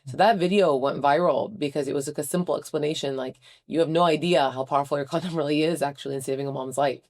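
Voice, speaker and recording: A woman's voice: low-pitched, fast, darkish tone. A woman hosting a podcast interview, chatty and enthusiastic as she talks with her guest. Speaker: podcast host. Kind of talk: casual interview chat.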